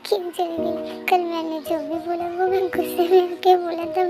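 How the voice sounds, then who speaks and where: A woman voicing a remorseful, tearful young man in a fan-dubbed story, pleading softly and haltingly. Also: extremely high pitch, level tone. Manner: pleading, broken, soft. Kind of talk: fan dub story voice acting. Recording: faint background music.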